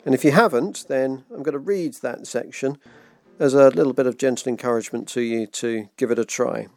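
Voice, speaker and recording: A man hosting a virtual book club, reading a children's novel aloud in a gentle, measured way. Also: mid-range voice, no echo, faint music behind. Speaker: book club host and reader.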